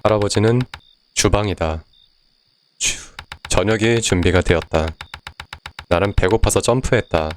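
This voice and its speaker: A man giving casual let's-play commentary, reading the game's text aloud and translating it, chatty and prone to swearing and shouting. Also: on the low side, measured pace, long pauses, slight background noise. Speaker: game streamer.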